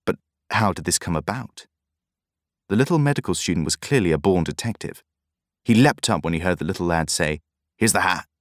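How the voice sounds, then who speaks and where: Low-voiced male narrator, steady reading, very dry close sound. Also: no room sound. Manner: measured, even storytelling. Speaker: audiobook narrator. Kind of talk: scripted narration.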